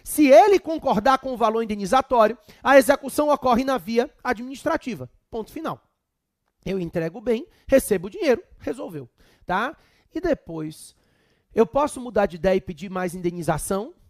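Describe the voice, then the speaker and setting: A man's voice: very high-pitched, lively intonation, moderate pace, no room sound, studio quality. A man with a Brazilian accent giving a chatty law exam prep lecture with humorous asides. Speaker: law teacher.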